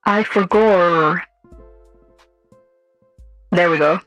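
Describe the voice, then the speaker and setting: A woman's voice: fairly low pitch, drawn-out words, fairly bright tone, no room sound, highs cut off, soft background music. A woman streamer greeting her chat through a voice changer filter, chatty with squealy bursts. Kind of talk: casual live-stream chat.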